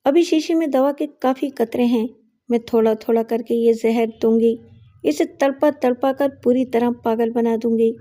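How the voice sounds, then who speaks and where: A woman's voice: a little high, steady tone, dark tone, lightly acted. A woman voicing a scheming young woman who poisons her father, sweet on the surface and cold underneath.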